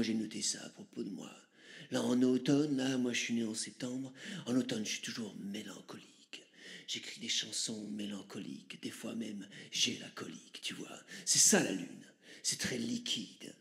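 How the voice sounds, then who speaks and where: A man putting on a low, murmuring voice as a dreamy mystical shaman character, often drifting into a whisper. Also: gravelly, natural voice. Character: mystical male shaman guru, dreamy and hushed. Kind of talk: comic sketch monologue.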